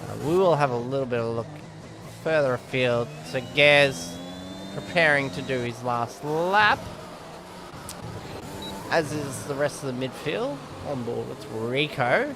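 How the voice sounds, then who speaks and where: A man's voice: mid-range voice, lively intonation, a little slow, noisy background. A man giving casual, rambling live commentary on a sim race, often correcting himself.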